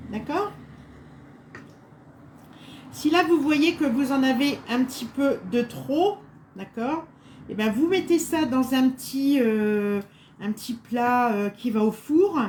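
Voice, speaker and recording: A woman's voice: sits high, mellow, a little hiss or hum. A woman presenting a recipe in a casual live cooking chat, rambling with many fillers, tired and on edge after a bad night. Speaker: home cook presenting a recipe.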